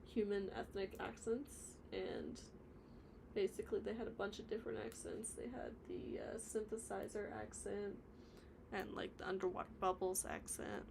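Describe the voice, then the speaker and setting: In a gravelly voice of medium pitch, steady in tone and moderate in pace, a woman livestreams stop-motion animation from her home workspace floor. She rambles casually through viewer comments, mumbling asides, amid a noisy background.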